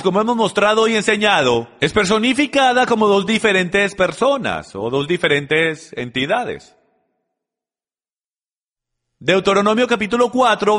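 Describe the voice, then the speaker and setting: High-voiced man preaching in a reverberant hall. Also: a bit bright. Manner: emphatic, addresses the audience directly. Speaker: Bible teacher. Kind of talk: teaching sermon.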